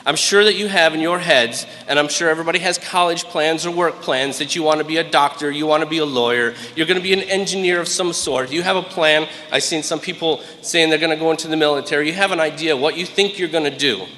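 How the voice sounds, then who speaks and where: Bright-voiced American man speaking in an echoey hall. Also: fairly high pitch, fast, few pauses, slight background noise. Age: late 30s. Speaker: guest graduation speaker, military master sergeant. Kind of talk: motivational commencement speech with storytelling. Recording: echoey hall, long reverb over PA.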